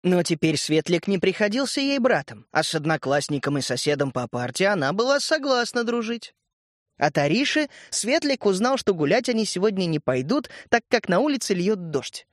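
A man narrating a children's story in a measured, expressive reading. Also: sits high, no echo, clean studio sound.

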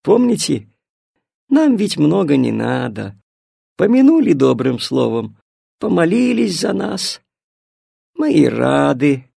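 A man's voice: fairly high pitch, very animated, slow pace, vocal fry, pauses often, warm tone, husky, dry recording, clean studio sound, full character voice. A man voicing a kind, doting old grandmother in a storybook reading, speaking tenderly and fondly. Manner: tender, fond, coaxing.

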